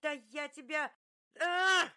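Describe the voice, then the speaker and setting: A woman voicing a hot-tempered young heroine who screeches with shrill indignation. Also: slow, sharp tone, full character voice. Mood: furious, screeching.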